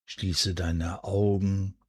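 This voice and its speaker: Male, deep and husky, near-whispered sleep hypnosis narration, soothing and unhurried, very dry close sound. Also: flat delivery, no echo. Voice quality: breathy, soft, at times near a whisper. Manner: soothing, hushed, deliberate, with drawn-out pauses. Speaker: hypnosis and relaxation guide.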